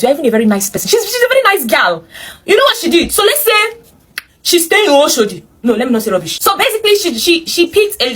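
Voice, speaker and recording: This woman's Nigerian-accented voice sits on the high side, a bit bright and slightly rough. Acting as host, she narrates a viewer's story with animation. She breaks in often with emphatic, opinionated remarks directed at her audience.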